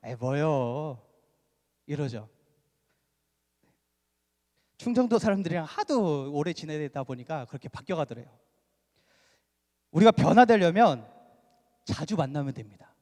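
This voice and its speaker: A male pastor giving an animated sermon, full of rhetorical questions, in a church sanctuary. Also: fairly high pitch, normal speed, pauses often. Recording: reverberant church hall.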